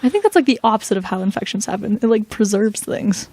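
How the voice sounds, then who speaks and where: A woman's voice: mid-range voice, big pitch swings, fast, mellow, husky, dry recording. A young woman co-hosting a podcast in casual, teasing chat, often saying "like.". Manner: playful, teasing, says "like" often. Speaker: podcast co-host.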